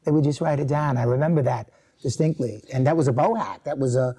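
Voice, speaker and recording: An older man with an American accent tells his memories for an oral history interview. His voice is dark and mellow. He rambles and often stops to restart a thought. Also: medium pitch, breathy edge. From born in England, raised in the US. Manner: rambling, halting reminiscence with many restarts. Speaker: interviewee, retired teacher.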